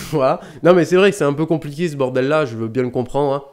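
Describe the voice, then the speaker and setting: A man's voice: a little high, fast talker, a little mellow. A man hosting a casual unboxing vlog, rambling and chatty, swearing lightly and often correcting himself as he talks into a close desk mic. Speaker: YouTube DVD collector host.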